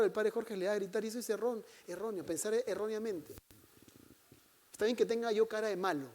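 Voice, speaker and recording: Conversational priest giving a sermon. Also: male voice, high voice, a little mellow. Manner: conversational, questions and teases the congregation.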